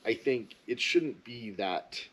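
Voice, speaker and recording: A man's voice: mid-range voice, expressive, takes it slowly, fairly bright tone, breathy edge, low-quality recording. A man giving a casual, rambling, opinionated monologue as a ski vlogger.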